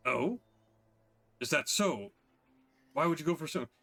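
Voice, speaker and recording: Guy doing a big brutish camp boss, gruff and blunt, running a tabletop game. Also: a little high, lively intonation, a little slow, a bit bright, voice pushed up, exaggerated voice. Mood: suspicious. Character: brutish burly male camp leader, gruff.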